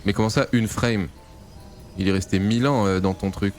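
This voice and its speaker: A man from France breaks down a game replay in relaxed, teasing chat. He jokes, swears freely and keeps bursting into exclamations, with faint music under his voice. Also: fairly low pitch, normal speed. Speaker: StarCraft grandmaster analysing a replay. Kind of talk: casual gameplay commentary.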